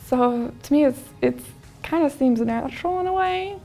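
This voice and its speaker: A woman giving a casual interview in a halting, thoughtful way. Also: high voice, lively intonation, creaky, dark tone, soft background music.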